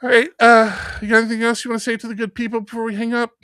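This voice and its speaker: Racing along in a very high, clear and resonant voice, a man in his fifties shares stories as a podcast co-host, playfully acting out quoted voices during casual chat. There's no echo on the recording.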